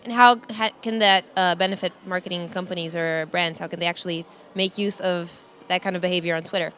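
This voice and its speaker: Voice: mid-range voice, steady tone, fairly quick, pushed and bright, slight background noise. An interviewer asking brief, direct questions at a conference.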